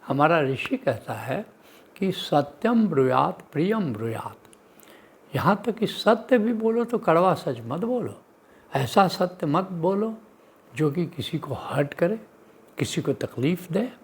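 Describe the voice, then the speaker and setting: Spiritual teacher guy, slow and husky, voice goes up and down a lot, chants old verses. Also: on the high side, very animated. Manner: quotes sayings of saints in a slow sing-song chant; lists points with a teaching cadence. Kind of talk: Hindi spiritual discourse. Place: live teaching session.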